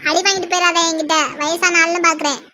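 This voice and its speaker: A shrill, indignant old woman from a cartoon, voiced by a woman who shouts in a broad Tirunelveli Tamil accent. Her voice is very high and loud, with hiss in the background. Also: little pitch movement, quick pace. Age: older.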